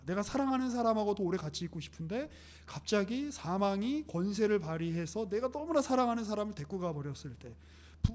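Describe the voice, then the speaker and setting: A man's voice: sits high, darkish tone. A young man preaching a casual live-streamed sermon, chatty and joking, often laughing. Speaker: pastor.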